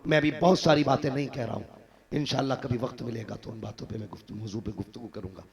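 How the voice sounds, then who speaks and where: A man preaching a fervent religious sermon, swinging from loud exhortation to low, earnest tones. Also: steady tone, quick pace. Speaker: Islamic preacher. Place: madrasa gathering.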